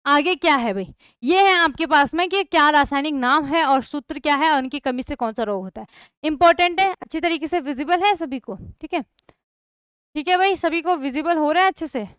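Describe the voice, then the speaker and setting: Young woman chemistry tutor, high bright pitch, dry close sound, quizzes the class. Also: a little fast, dry recording. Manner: repeats questions to students, checks understanding often. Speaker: chemistry teacher. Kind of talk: online class lesson.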